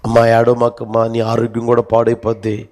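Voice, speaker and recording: Man doing a gently pleading mother. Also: medium pitch, monotone, fairly quick, voice pushed down, close to an everyday voice. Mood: gentle pleading. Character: worried mother pleading gently with her daughter.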